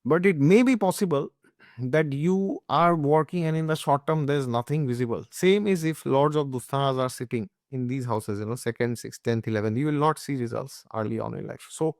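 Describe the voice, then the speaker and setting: A man's voice: medium pitch, moderate pace, no echo, studio quality. A man explaining astrology in an emphatic way, often checking in with his listeners. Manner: emphatic, repeats points, often asks "okay?". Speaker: astrology teacher. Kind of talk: explanatory talk.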